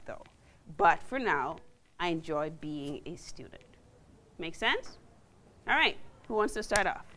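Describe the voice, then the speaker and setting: A woman leading a group workshop, coaxing people to speak with playful teasing. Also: medium pitch. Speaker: workshop facilitator. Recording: noisy room recording.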